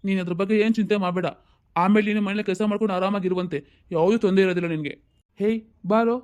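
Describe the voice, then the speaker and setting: A man's voice: high-pitched, fairly even intonation, a little mellow, smooth, natural voice. A man playing a stern husband and father who scolds his wife and son in a homemade family drama. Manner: scolding, bossy, rapid-fire. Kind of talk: amateur audio family drama.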